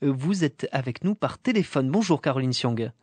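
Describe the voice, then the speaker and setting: A man's voice: medium pitch, animated, normal speed, a little mellow, slightly rough, dry recording. A man co-hosting a radio interview, conversational and checking details with his guest. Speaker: radio host.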